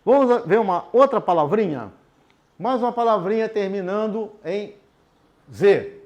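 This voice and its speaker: A man gives an adult literacy lesson at a board in an animated, high-sitting, slightly mellow voice, with the highs cut off. Patiently, he explains each step slowly and asks the class things like "tudo bem?".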